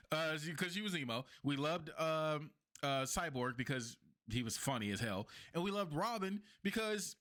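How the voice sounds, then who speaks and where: Animated, emphatic male podcast host. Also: high-pitched. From not from New York. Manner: emphatic, animated, repeats himself for effect. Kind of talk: casual chat.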